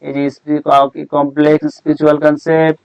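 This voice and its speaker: A man teaches an English lesson in a rather high voice that stays level and flat. He asks his students questions and answers them himself, repeating key words. The recording is dry and close. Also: fairly quick, smooth, dry recording, highs cut off. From Bengal. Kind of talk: classroom-style lesson explaining a text.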